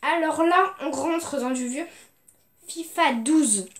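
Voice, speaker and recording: Against slight background noise, a young woman with a high voice takes her time showing off her video game collection. The unboxing chat is casual yet hesitant, packed with fillers and restarts.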